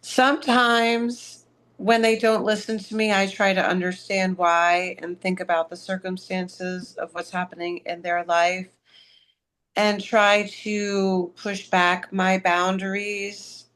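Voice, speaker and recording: Slow, thoughtful middle-aged woman. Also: mid-range voice, little pitch movement, a bit bright, poor audio. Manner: halting, thoughtful, searching for words. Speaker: class participant. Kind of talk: personal reflection in a class discussion.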